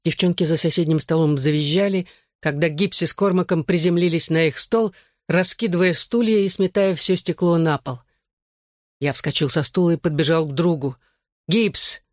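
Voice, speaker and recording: An audiobook reader giving steady first-person novel narration. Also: mid-range voice, normal speed, no echo, studio quality.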